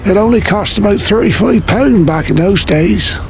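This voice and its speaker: A man voicing an elderly British woman, grumbling in a falsetto in character sketches. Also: moderate pace, creaky, a little hiss or hum. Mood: apologetic. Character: doddery, plain-spoken elderly British woman.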